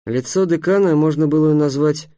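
A man's voice: no room sound, clean studio sound. Dramatic male audiobook narrator. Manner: measured, dramatic, dropping low and soft for ominous pauses. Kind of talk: scripted narration.

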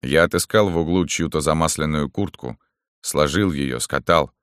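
A man narrating a first-person novel in a steady, even reading. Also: rumbling low, normal speed, clean tone, no echo, clean studio sound. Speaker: audiobook narrator.

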